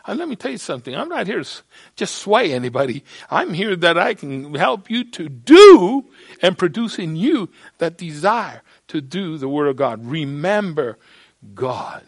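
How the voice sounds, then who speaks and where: An older man preaches to a congregation with a high voice, swinging from quiet asides to loud emphatic declarations. He often stumbles and restarts his words. The sound is dry and close. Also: sing-song, no room sound. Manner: halting restarts and repeated words. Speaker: pastor. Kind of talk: sermon. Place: church sanctuary.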